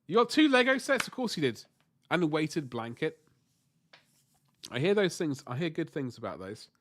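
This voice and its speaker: With a bit of background noise behind him, a man speaks at normal speed in a slightly high, fairly bright voice that swings widely in pitch. Flu has left him with a stuffy nose and sore throat as he paints miniatures on stream and answers viewers casually, rambling, self-correcting, and cursing lightly.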